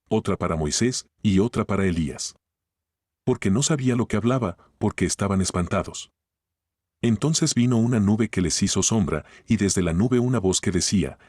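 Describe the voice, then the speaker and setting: A low-voiced man reads scripture aloud in short, even phrases. His tone has a dry, close sound with little room around it. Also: husky, no echo. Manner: steady, measured reading in short phrases. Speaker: Bible reader.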